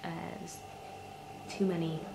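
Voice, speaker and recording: A woman in a soft-spoken ASMR ASMR role-play as a librarian, talking in a hushed, gentle, hesitant way that nears a library soft voice. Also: on the low side, flat delivery, a little slow. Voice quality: soft, hushed voice, near soft voice at times. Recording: roomy echo with clear background noise.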